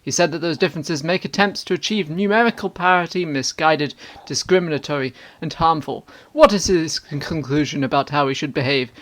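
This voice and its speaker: A performer reading online comments aloud in a measured, mock-serious way. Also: medium pitch, fairly bright tone.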